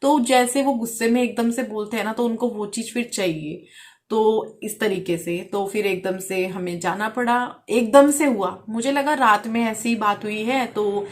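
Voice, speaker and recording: A woman in her thirties, a vlogger from India, answering viewer questions in a frank, casual way. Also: a little high. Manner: frank, talks quickly at times. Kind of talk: casual Q&A chat.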